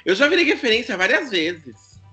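A man with a high, bright voice rattles off comic stories in casual chat. He acts out the people in his tales as he goes. Faint music plays underneath. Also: normal speed. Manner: animated storyteller, acts out quotes.

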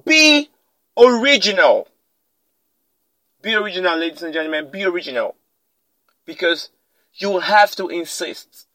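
A man with a high voice gives a motivational podcast talk and leans hard on his main points, often saying them twice. The sound is close and dry, with almost no room around it. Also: expressive, unhurried, long pauses, bright, forceful tone, no echo, low-quality recording. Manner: emphatic, repeats key lines for effect. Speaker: podcast host.

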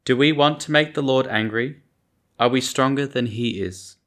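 Male church lector, formal and measured, for scripture readings and psalm verses at Mass. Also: medium pitch, a bit bright.

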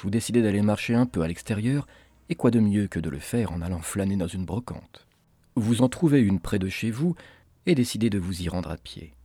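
A man's voice: low-pitched, warm tone, slightly rough, dry recording. A man narrating scripted horror stories in the theatrical manner of a horror host, addressing the listener directly.

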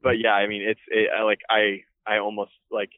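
A man's voice: on the low side, completely flat delivery, moderate pace, no echo. Man on a tinny flip phone call. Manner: laid-back, swears freely, many fillers. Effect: heard over an old flip phone call. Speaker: guest calling in by phone. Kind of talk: casual chat. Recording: tinny phone line, dry.

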